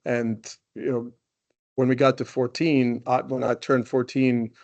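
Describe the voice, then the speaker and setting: A man's voice: mid-range voice, little pitch movement, measured pace, darkish tone, muffled recording. Rambling man in his forties. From Croatia. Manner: loose and rambling, leaning on "you know" and restarts. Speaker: guest, company CEO. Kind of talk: casual interview talk.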